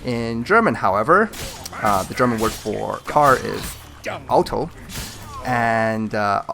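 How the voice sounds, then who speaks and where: A man's voice: fairly low pitch, animated, unhurried, vocal fry, music in the background. A man hosting a gaming video, chatting in a rambling, friendly way with lots of fillers and chuckles. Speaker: gaming channel host. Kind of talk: casual chat over gameplay.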